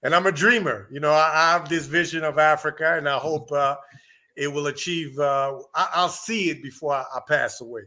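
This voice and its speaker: A man's voice: a little high, a little fast, bright, forceful tone. A middle-aged man from Rwanda, an entrepreneur guest, answering interview questions hesitantly with many fillers.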